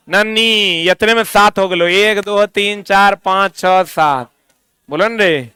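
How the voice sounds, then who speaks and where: A man's voice: high-pitched, pushed and bright, clear, resonant tone, dry recording. A man with a Bihari accent teaching a class, drilling students with repeated questions and scolding them. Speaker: coaching teacher. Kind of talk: classroom lecture.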